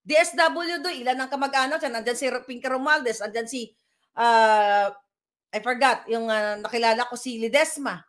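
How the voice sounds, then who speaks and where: A woman's voice: a little high, normal speed, fairly bright tone. A middle-aged woman, vlogging from home with heated political commentary, firing rhetorical questions and mixing English into her talk. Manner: combative, rhetorical questions, Taglish. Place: at home indoors.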